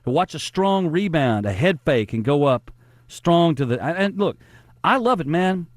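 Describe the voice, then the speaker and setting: A man's voice: fairly high pitch, sing-song, moderate pace, dry recording, studio quality. A man in his forties hosting sports talk, rambling nostalgically and laughing at himself. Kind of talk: casual sports talk monologue.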